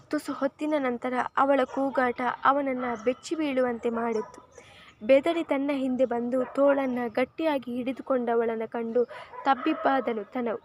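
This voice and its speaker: A woman narrating a serialized romance novel in an expressive, steady storytelling voice. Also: high-pitched, a little hiss or hum. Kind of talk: novel reading.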